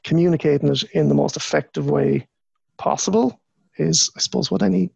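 A man's voice: a little high, huge pitch swings, a little fast, creaky, darkish tone, slightly rough, no room sound. A man from Galway with a west of Ireland accent, a lecturer chatting casually as an interview guest, circling into his points with repeated words.

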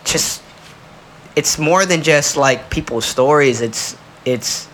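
Speaking slowly in a slightly high, bright voice, this podcast co-host argues his opinions with friends, rambling with emphasis and swearing liberally. The recording has a clearly noisy background.

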